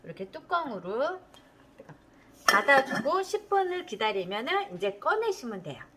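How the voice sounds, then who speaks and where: A woman's voice: high-pitched, big pitch swings, moderate pace, background noise. A middle-aged woman giving a friendly step-by-step cooking demonstration, repeating her cues as she works. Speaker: cooking instructor.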